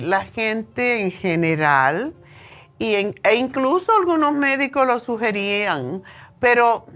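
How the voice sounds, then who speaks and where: A Cuban woman in her sixties with a Cuban Spanish accent hosts a nutrition show, giving an informal, opinionated health talk full of hesitations. Her voice is mid-range with a fairly bright tone.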